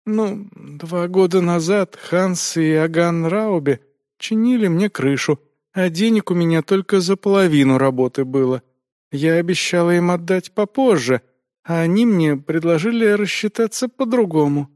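A man's voice: sits high, normal speed, a little mellow, no room sound, clean studio sound, pitched above the performer's own voice, lightly acted. A man voicing a frightened, shamefaced young village widow under interrogation, answering timidly. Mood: reluctant, ashamed.

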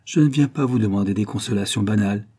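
A man reading the lines of a starving, desperate older father who pleads in a low, secretive murmur. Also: quick pace, mellow, slightly rough. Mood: urgent. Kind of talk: audiobook dialogue reading.

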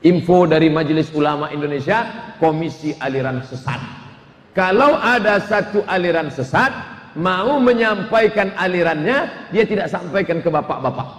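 A man preaching a humorous sermon, telling lively stories with comic asides. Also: a little high, moderate pace. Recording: echoey hall with long reverb.

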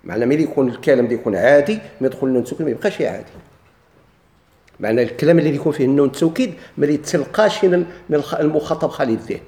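Fast-talking Moroccan teacher in an echoey room. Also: male voice, mid-range voice, warm tone. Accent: Moroccan Arabic. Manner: poses rhetorical questions and answers them himself. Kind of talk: grammar lesson.

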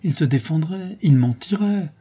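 A man's voice: mid-range voice, moderate pace, dark tone, slightly rough, natural voice. A man voicing a desperate middle-aged mother who pleads and protests to defend her accused son. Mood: anguished. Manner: pleading, indignant, breaking into cries.

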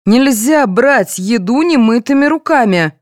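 A woman voicing a soft, indulgent mother who fusses and apologizes for her children in an audiobook. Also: a little high, sing-song, normal speed, no echo, clean studio sound, pitched above the performer's own voice. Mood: fussing. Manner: fussing, apologetic.

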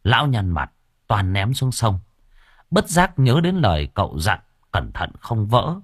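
Lively male storyteller. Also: on the low side, a little slow, breathy edge, no room sound, clean studio sound. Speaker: narrator. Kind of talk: audiobook narration of a horror story.

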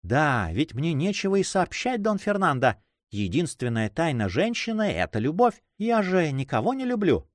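A man's voice: fairly high pitch, normal speed, hardly any pauses, no room sound, studio quality, pitched above the performer's own voice. A man voicing a teasing, mischievous young lady. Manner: mocking, laughing, lively. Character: playful teasing young noblewoman, quick-witted.

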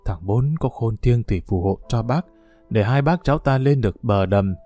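A man's voice: medium pitch, moderate pace, close to an everyday voice. A man reading a grieving old man's lines as he murmurs and pleads with his drowned nephew, in an audiobook story. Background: soft guitar music.

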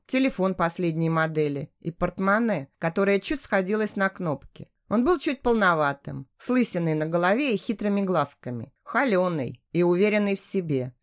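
Expressive female narrator for a first-person story, animated in pitch.

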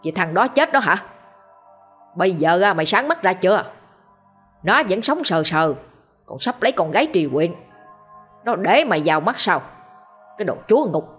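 A woman plays a bitter old landowner, scolding with harsh contempt in a breathy, lowish voice. He sounds like a bully from a spoken ghost tale. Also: sing-song, normal speed, long pauses, a bit bright, soft background music, full character voice. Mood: raging scorn.

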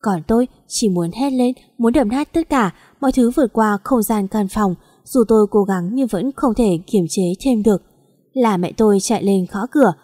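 A woman narrating a dramatic first-person audio story in a steady, somber way. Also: medium pitch, moderate pace, long reverb tail.

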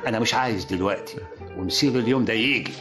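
An actor playing a stubborn, secretive old man who keeps a treasure hidden, drawing his words out slowly in an old radio play. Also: fairly low pitch, music in the background, lightly acted. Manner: slow, drawn-out, secretive.

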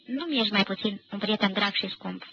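A woman giving a measured, grave literary reading of a novel, from a 1990 radio archive recording. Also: medium pitch, creaky, sharp tone, breathy edge, lo-fi sound. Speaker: reader.

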